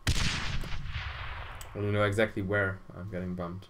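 A young man talks unhurriedly over voice chat as he plays a shooter, breaking into startled shouts when the fighting heats up. Keyboard clicks and a faint hiss sit behind him. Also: deep voice, level tone, slow pace. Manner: jumpy, exclaims during firefights. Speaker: gameplay channel host. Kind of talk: casual gaming chat with a friend.

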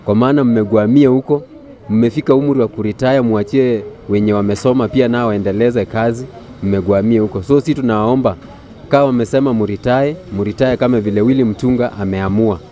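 A man's voice: medium pitch, fairly quick, mellow. A man in his thirties with a Kenyan accent, bluntly complaining in an outdoor street interview, speaking into a handheld mic. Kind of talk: vox pop street interview. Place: outdoors by a brick building. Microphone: handheld furry mic held close.

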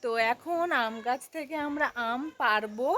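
Bright, high-voiced young woman vlogging. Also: moderate pace, slight background noise. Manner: lively, addresses viewers as friends. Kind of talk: chatty rooftop vlog to viewers. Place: sunny rooftop outdoors.

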